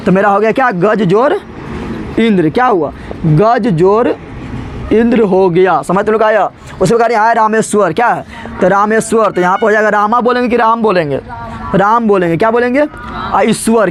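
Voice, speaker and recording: A man's voice: sits high, slight background noise. A man teaching a grammar lesson to students. He keeps asking a question and then answering it himself, in casual, familiar Hindi. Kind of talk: classroom-style lesson with call-and-response questions.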